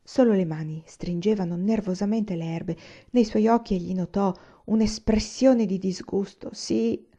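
A woman reading a novel aloud as an audiobook, at a steady, measured pace. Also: mid-range voice. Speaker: reader. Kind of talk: audiobook narration. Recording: slightly muffled lo-fi recording.

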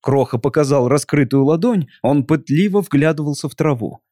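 A man narrating a storybook in an even, measured way. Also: fairly high pitch, dry recording, studio quality. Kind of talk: audiobook reading.

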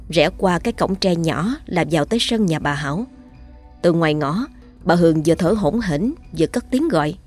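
A woman narrates a storybook in a measured, descriptive voice. Her tone is low and husky, with faint music playing beneath her. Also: a little mellow. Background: faint background music.

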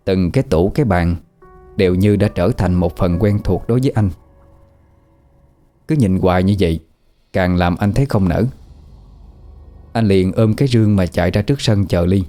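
Man narrating a ghost story, warm dark voice, soft music behind. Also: deep voice, moderate pace, long pauses.

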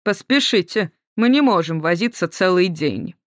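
A narrator voicing a cruel, mocking male Nazi officer who speaks slowly and sneers. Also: medium pitch, expressive, a bit bright, no echo, studio quality, close to an everyday voice. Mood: cold. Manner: slow, sneering, drawn out.

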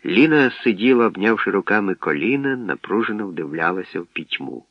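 A man narrating an audiobook in a calm, measured storytelling manner, on a dull lo-fi radio recording. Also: on the low side, no room sound.

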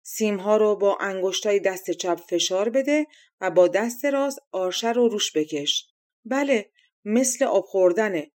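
A woman voicing a calm, clever young male tailor in a storybook tale, speaking matter-of-factly. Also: medium pitch, lightly acted.

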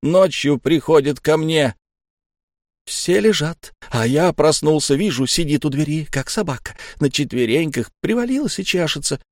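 A man's voice: medium pitch, normal speed, darkish tone, no echo, clean studio sound, close to an everyday voice. A man voicing an anxious male psychiatric patient who mumbles and swallows syllables, in a storybook reading. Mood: agitated frightened.

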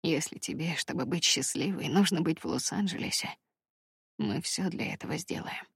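A woman reading the part of a remorseful young fisherman in love, speaking low in a husky half-whisper. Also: normal speed, fairly bright tone, dry recording, clean studio sound, heavily acted. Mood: devoted. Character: remorseful crab-fisherman lover, young man.

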